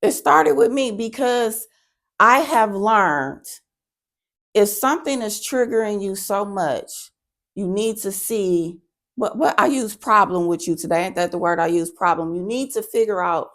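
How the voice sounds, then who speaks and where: Candid gravelly-voiced woman co-host. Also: unhurried, fairly bright tone. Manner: candid, emphatic, jumps into high-pitched quoted asides. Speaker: podcast co-host. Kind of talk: casual chat.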